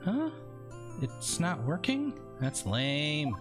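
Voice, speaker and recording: A man doing a bubbly teenage girl from a video game, her voice pitched high and cutesy with a lively, bouncing melody. She teases and chirps along over game music playing behind. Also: drawn-out words, full character voice. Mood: eager.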